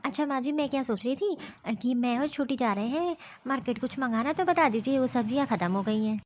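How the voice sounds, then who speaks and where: A woman's voice: high voice, expressive, quick pace, darkish tone, dull audio, slight background noise. A woman voicing a caring eldest daughter-in-law in a cartoon story; she speaks in a practical way and gives instructions.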